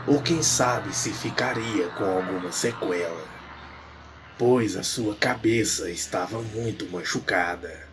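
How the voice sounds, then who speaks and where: A man narrating a horror tale in a slow, grave, suspenseful manner. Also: lowish voice. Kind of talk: dramatic storytelling.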